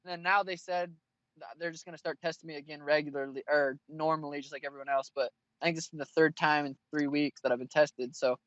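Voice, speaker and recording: A man's voice: fairly high pitch, steady tone, quick pace, a bit bright, no echo. Blunt, profane young man with muffled audio. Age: 20s. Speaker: fighter, interview guest. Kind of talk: casual interview answers.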